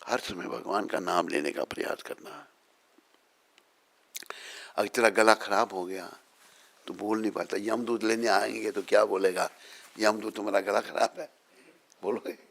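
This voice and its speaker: Older-sounding swami, low and slow, gravelly; sermon with chanted prayers. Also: male voice, fairly even intonation, a bit bright. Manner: storytelling, chiding listeners, chanting prayers. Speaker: swami giving a morning lecture. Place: temple gathering.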